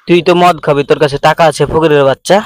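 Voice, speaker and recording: A man's voice: on the high side, fairly even intonation, rapid-fire, natural voice. A young man playing a cocky, slangy lad in a comedy skit, bossing and teasing his drinking pals. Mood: brash, eager. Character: cocky young man plotting a boozy session with friends.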